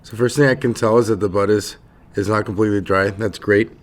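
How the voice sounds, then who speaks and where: A man's voice: lowish voice, steady tone, a little fast. A man giving a casual tasting commentary as a cannabis reviewer, musing in a laid-back stoner manner. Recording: clearly noisy recording with clicks.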